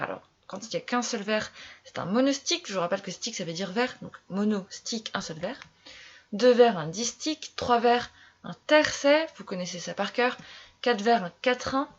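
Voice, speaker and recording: A woman's voice: a little high, lively intonation, normal speed, muffled recording. A woman teacher giving a classroom lesson, repeating key terms and quizzing her pupils as she explains. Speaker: French literature teacher.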